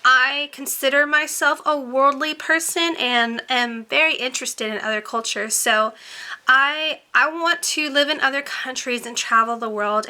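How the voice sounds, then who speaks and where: Chatty bright-voiced young woman. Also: high-pitched. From born in Romania, raised in Tennessee. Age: 20s. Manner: chatty, rambling, many ums and likes. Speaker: beauty vlogger. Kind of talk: casual Q&A chat to camera.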